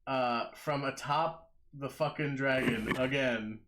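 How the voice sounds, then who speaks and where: A man's voice: mid-range voice, slow, noisy background. A man working as game master, narrating a live tabletop game in casual, profane banter. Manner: profane, informal.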